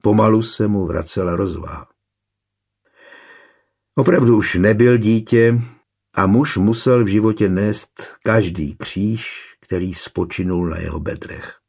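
A man with a gravelly, husky voice reading a historical novel in measured, even narration. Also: fairly low pitch. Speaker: audiobook narrator. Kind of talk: scripted narration.

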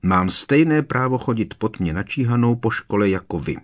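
Man doing a sneering middle-aged potions master, cold, clipped, hissing, very low voice, audiobook. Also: lively intonation, lightly acted. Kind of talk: audiobook character voice.

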